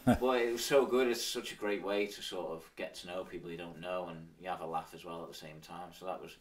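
A man with a Manx accent talks in a casual interview. His voice is low, and he sits a bit away from the mic. He phrases things loosely and informally, like someone recalling old times. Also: fairly even intonation, fast, far from the mic. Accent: Manx, Isle of Man. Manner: informal, with frequent "sort of" and "like". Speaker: interview guest, former professional cyclist.

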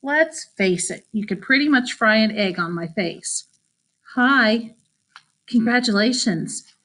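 A woman narrating a first-person audiobook in a wry, self-conscious voice. Her pitch sits in the middle of the usual range for a woman. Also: expressive, moderate pace, a bit bright.

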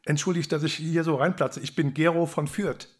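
A man voicing an eager young plumber who is excited about his invention. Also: a little high, moderate pace, voice pushed up, natural voice.

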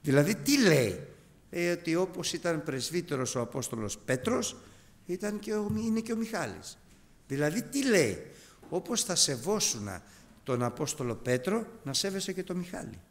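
A man in his fifties preaching a sermon to his congregation, animated and emphatic. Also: fairly high pitch. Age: 50s. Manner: animated, emphatic, addresses brethren. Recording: hall reverb.

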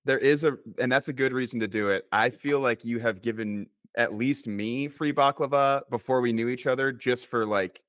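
A man hosting a podcast, relaxed and agreeable in casual conversation. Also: medium pitch, dry recording, clean studio sound. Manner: relaxed, agreeable, quick laughs. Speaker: podcast host. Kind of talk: casual chat.

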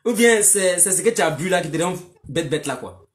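A woman's voice: lowish voice, animated, a little fast, faint music behind. A woman, delivering a mocking, scolding monologue aimed at a man, repetitive and emphatic. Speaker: online commentator.

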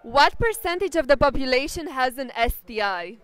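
A woman running a street interview, briskly reading out quiz questions outdoors at night. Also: sits high, lively intonation, fairly bright tone.

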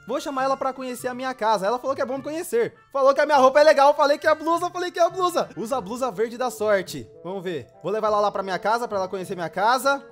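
A man with a Brazilian Portuguese accent giving playful gameplay commentary, excitable and joking to the viewer. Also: extremely high pitch, racing, few pauses, faint music behind. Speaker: gaming YouTuber.

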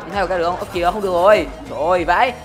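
Racing along in a fairly low, steady voice, a female gaming channel host offers casual commentary as she plays, teasing playfully and laughing a lot. Game music sits behind her voice, and a crowd can be heard in the background.

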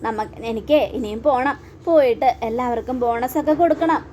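A woman's voice: high voice, fairly quick, mellow, a little hiss or hum, natural voice. A woman voicing a cheerful, easygoing husband who talks in a breezy, friendly way.

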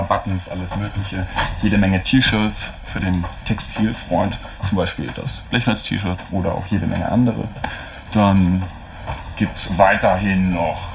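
A young man from giving a casual tour of his small shop and talking in an interview, often ending sentences with a relaxed "ne?". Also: lowish voice, background noise. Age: young adult. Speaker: skinhead mail-order shop owner. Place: small shop office and storeroom, indoors.

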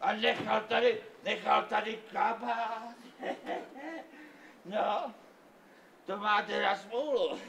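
A man plays an easygoing hotel porter who mumbles and chuckles to himself, with a high, gravelly voice. He sounds distant in a roomy hall. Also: steady tone, pauses often, a bit bright, a little hiss or hum. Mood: amused. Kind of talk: amateur stage farce. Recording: roomy, distant stage recording.

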